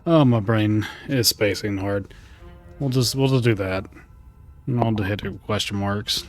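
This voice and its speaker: Slow, low-voiced male gamer. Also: faint music behind. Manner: wry, joking, rambling asides. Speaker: let's play gamer. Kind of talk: casual gaming commentary.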